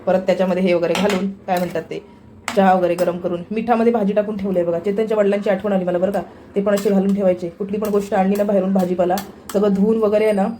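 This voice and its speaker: A woman talks quickly and casually, pointing things out to her viewers as she walks a phone camera around her home. She is getting over a cold and fever, and her voice sits at an ordinary middle pitch. A faint room hum runs behind her. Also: mellow. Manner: chatty, repeats "look here" as she shows the camera around. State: recovering from a cold and fever, feels weak. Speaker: family vlogger. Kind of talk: casual home tour vlog. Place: apartment home, indoors, in the kitchen and by the windows.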